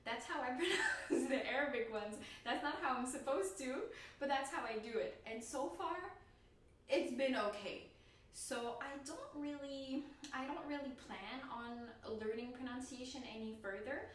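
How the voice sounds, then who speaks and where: A chatty woman vlogger with a slightly high voice, talking loosely and laughing often. She sounds a bit far from the mic in a very echoey room, with faint noise behind her. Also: normal speed, a bit bright. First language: Indo-European language. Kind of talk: casual talk to camera.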